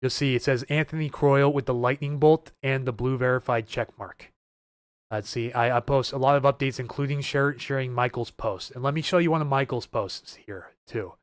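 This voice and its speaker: A man's voice: mid-range voice, moderate pace, no echo. Nervous, earnest male weather streamer. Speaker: weather livestream host. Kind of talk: live-stream weather chat with viewers.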